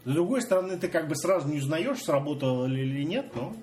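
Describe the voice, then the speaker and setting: Man, casual chat, halting restarts, slightly high voice, faint noise. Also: expressive, darkish tone. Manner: halting, restarts words, trails off.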